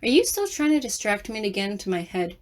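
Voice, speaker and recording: A woman playing a soft-spoken, bold young interpreter. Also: medium pitch, very animated, close to an everyday voice. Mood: coaxing. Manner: soft, deliberate, coaxing. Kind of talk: fan fiction audiobook reading.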